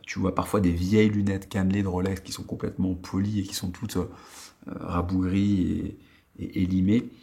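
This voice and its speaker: A man's voice: deep voice, flat delivery, normal speed, vocal fry, dark tone. A man in his late thirties from France, hosting a watch vlog in casual chat, rambling with many fillers and restarts, recorded in a countryside attic. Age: 30s. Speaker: watch channel host. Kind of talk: casual vlog talk to viewers.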